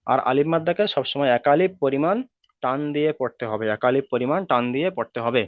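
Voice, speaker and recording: A man's voice: medium pitch, fast talker, no echo. A man teaching Quran reading in an online class, repeating each rule patiently and drawing out the vowel sounds. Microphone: video call. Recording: tinny call audio, dry.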